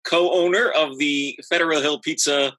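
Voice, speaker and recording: A man hosting a casual interview chat, halting and jokey, often repeating his words. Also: fairly high pitch, steady tone, bright, forceful tone. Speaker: host.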